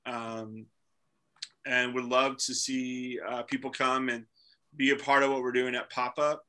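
Man, 30s, host on a video call; very bright tone, lots of ums. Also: medium pitch, flat delivery, rough recording. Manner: halting, many fillers. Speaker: ministry staff host. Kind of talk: casual video call talk. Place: small room indoors.

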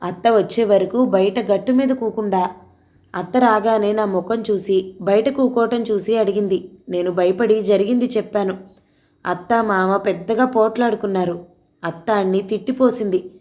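A woman's voice: mid-range voice, normal speed, darkish tone, natural voice. A woman voicing a frightened village girl. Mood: earnest. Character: teenage village girl, frightened but defiant.

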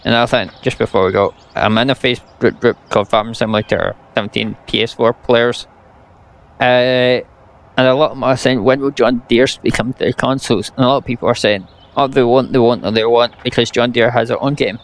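With a medium-pitched, steady and brisk voice, this young gaming YouTuber from Scotland, whose first language is English, rants about a farming game. His gameplay commentary is blunt and sarcastic.

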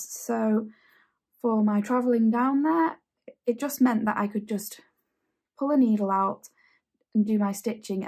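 A woman's voice: medium pitch, a little mellow, husky. A woman in her thirties hosting a casual sewing tutorial from her home sewing room, chatty and enthusiastic. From England. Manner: chatty, enthusiastic, repeats phrases. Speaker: sewing channel host.

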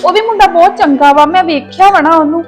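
A woman's voice: very high-pitched, fast, soft background music. A young woman playing a loyal younger daughter who earnestly pleads with her father for her sister. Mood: soothing. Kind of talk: domestic drama acting.

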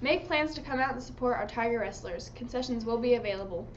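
A woman's voice: fairly high pitch, fast. Young female announcer on a school broadcast. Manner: steady, scripted reading. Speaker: student announcer. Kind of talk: reading school morning announcements. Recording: dull lo-fi school broadcast with faint hiss.

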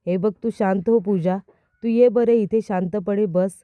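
A woman's voice: medium pitch, steady tone, a little slow, smooth, dry recording, narrow, tinny audio, lightly acted. A woman voicing a stern, exasperated young husband who scolds firmly, reading his lines in a recap. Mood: scolding.

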